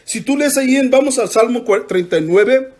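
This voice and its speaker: High-voiced preacher giving a fervent sermon. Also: male voice, animated, moderate pace, a little mellow. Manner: emphatic preaching with call-and-response to the congregation. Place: church.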